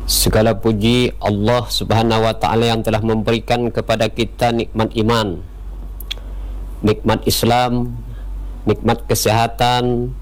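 A man giving a radio sermon in a measured way, opening with Arabic prayer formulas. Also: on the low side, rough recording. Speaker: radio preacher.

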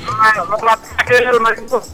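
A man's voice: sits high, flat delivery, slow, bright, forceful tone, faint music behind. A man from Central Sulawesi calling a radio show on a phone line that keeps breaking up, giving short answers and repeating himself. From Central Sulawesi, Indonesia. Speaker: radio call-in listener. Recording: distant, choppy phone line.

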